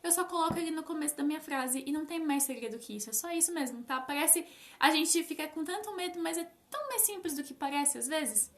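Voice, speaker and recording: Bright, lively Brazilian woman teacher. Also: high-pitched. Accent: Brazilian Portuguese. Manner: lively, talks directly to viewers, stresses English examples slowly. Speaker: English teacher. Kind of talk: casual live-stream lesson. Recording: echoey room.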